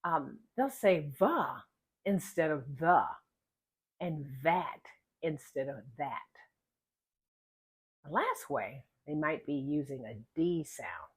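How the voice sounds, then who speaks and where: A woman giving a pronunciation lesson as a teacher, deliberately over-articulating the practice words. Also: sits low, lively intonation, husky.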